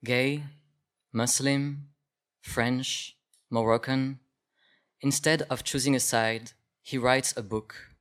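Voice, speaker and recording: A man hosts a book talk in a mid-range voice, casual and conversational. He pauses often, fills gaps with fillers, and restarts his questions as he goes. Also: mid-range voice, fairly even intonation, a bit bright, smooth. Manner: hesitant, with many fillers and restarts.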